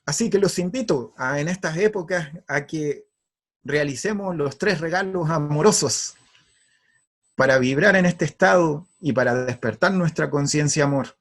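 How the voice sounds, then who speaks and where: A man's voice: a little high, normal speed, a bit bright. A man giving an earnest, emphatic spiritual talk. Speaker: spiritual speaker.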